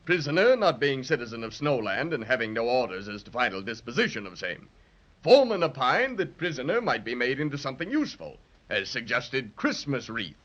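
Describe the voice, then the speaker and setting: A man's voice: mid-range voice, very animated, brisk, a bit bright. A man playing a stiff, officious toy soldier captain, clipped and pompous, reporting formally in 1930s radio style. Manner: clipped, pompous, punctuated with sir. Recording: muffled vintage 1930s radio recording.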